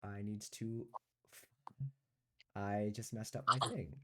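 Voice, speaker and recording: A man's voice: on the low side, little pitch movement, slow pace, very noisy. A man acting as game master, narrating and guiding players through a tabletop game session.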